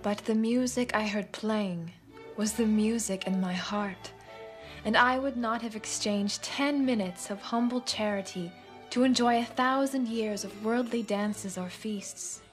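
An actress voicing a young nun's gentle, reflective voice-over narration in a film. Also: female voice, mid-range voice, faint music behind, lightly acted. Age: young adult. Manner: soft, reflective, measured. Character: young nun recalling her life, gentle and devout.

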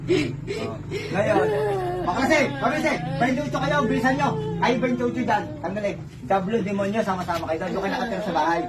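A man's voice: sits high, quick pace, few pauses, recorded from a distance, a loud crowd. A man acting as faith healer in an exorcism session, commanding and hammering the same questions over and over. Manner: commanding, repeats questions insistently. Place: home healing session.

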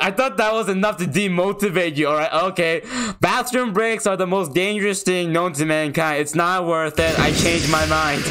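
A young man streaming a game, chatting casually in a rambling, self-deprecating way. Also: on the high side. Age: young adult. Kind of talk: casual live gameplay chat. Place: small indoor room at home. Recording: loud game music behind voice. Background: game music.

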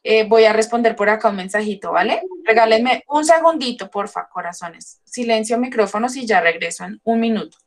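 A woman English teacher running an online class over a video call, warmly calling her pupils sweetheart and love. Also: on the high side, fairly quick. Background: pupils joining in on the call.

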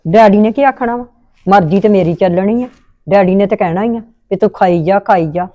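A woman's voice: medium pitch, brisk, warm tone, no room sound, dull audio. A woman with a Punjabi accent acting a scolding, indignant mother-in-law in a family drama.

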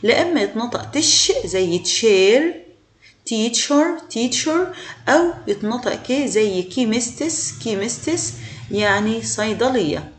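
A patient woman with an Egyptian Arabic accent gives a beginner English lesson and repeats every example word slowly. Her voice sits a little high. The room around her sounds echoey. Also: expressive. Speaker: English teacher.

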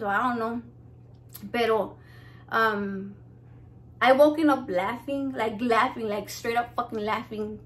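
A woman's voice: fairly high pitch, fairly bright tone. A young Mexican American woman hosting a cooking channel, chatting brashly to camera, swearing constantly and slipping into Spanish. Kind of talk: casual profane chat to camera.

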